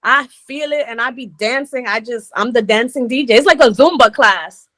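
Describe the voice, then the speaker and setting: Lively storytelling woman in her forties. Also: a little high, moderate pace. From Rhode Island, United States. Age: 40s. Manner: lively storytelling, laughs easily. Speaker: DJ guest. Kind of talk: casual interview chat.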